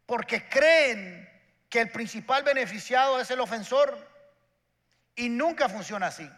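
Man, animated sermon, high voice, long hall reverb. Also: unhurried. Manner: animated storytelling preacher, acts out the characters. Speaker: pastor.

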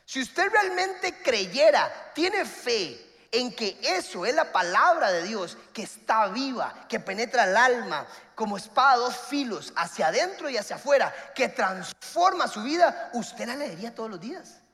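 A man, preaching a sermon and telling a funny personal story with animated, acted-out voices. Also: very high-pitched, measured pace, long reverb tail.

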